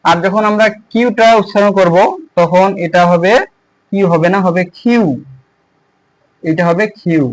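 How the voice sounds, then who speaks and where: High-voiced man teaching English letters. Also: no echo, poor audio. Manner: halting, repeats words while writing on a board. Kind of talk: spoken language lesson.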